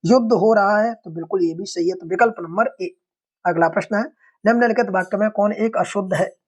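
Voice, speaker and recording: Exam-prep tutor, mid-pitched voice, methodical and repetitive, talks straight to viewers as friends. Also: fairly quick, breathy edge. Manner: explains step by step, often repeats "theek hai" and addresses viewers as friends. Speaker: Hindi exam-prep teacher. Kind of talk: online exam-prep lesson.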